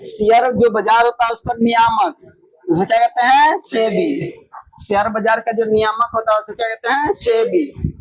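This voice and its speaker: A man teaching with a Bihari Hindi accent, loudly quizzing his class and repeating each answer in call-and-response. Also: very high voice, animated, normal speed, poor audio. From Bihar, India. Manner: loud, repetitive quizzing that drills students with call-and-response. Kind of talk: classroom exam drill lesson.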